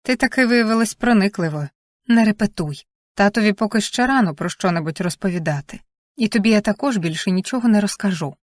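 A woman's voice: mid-range voice, animated, a little fast, no echo, clean studio sound, lightly acted. Woman reading as a coy, secretive teenage girl. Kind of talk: audiobook character reading.

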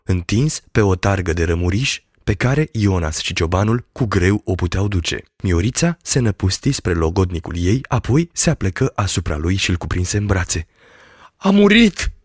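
A man reading a classic novel aloud as an audiobook, in steady, measured storytelling narration. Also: deep voice, breathy edge, no echo, clean studio sound. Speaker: audiobook reader. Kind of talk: scripted literary narration.

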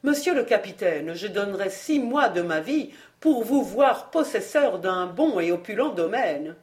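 A woman's voice: medium pitch, animated, a little slow, darkish tone, lightly acted. A woman reading as a fretful, greedy old-regime steward. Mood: plaintive grumbling. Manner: complaining, fussy and self-pitying. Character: fretful middle-aged male royal steward, petty and greedy.

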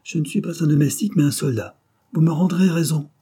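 Insolent young soldier in a storybook, voiced by a male narrator. He is haughty and indignant, quick to take offense, with a husky, slightly raised voice that sounds defiant. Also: mid-range voice, little pitch movement, dark tone.

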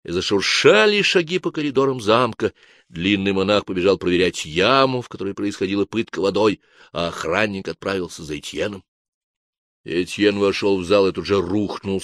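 A man narrating an audiobook with an expressive, scripted reading. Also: sits low, no room sound, clean studio sound.

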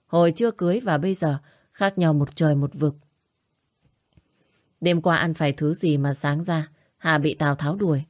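A woman narrating a family story in a steady, even reading voice. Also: low voice, moderate pace, long pauses, dry recording, studio quality.

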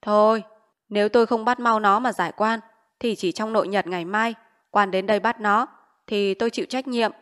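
A woman's voice: mid-range voice, fairly even intonation, a little fast, close to an everyday voice. A woman reading a novel aloud and voicing a stern old male village official who barks curt orders. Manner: curt, loud barking orders. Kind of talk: audiobook character voice.

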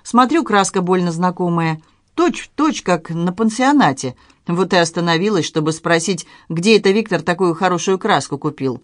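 A reader voicing a shrewd, unflappable middle-aged woman sleuth who speaks calmly and ironically, with quiet menace. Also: medium pitch, moderate pace, no room sound, clean studio sound, lightly acted. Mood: calm ironic.

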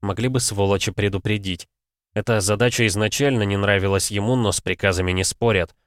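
A man narrating an audiobook in a steady, dramatic storytelling manner. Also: on the low side, fairly quick, no echo, studio quality.

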